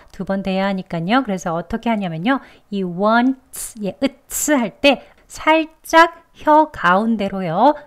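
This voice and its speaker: A woman with a Korean accent teaching English pronunciation in a scripted lesson. She explains each step and then repeats the example phrases slowly. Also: medium pitch.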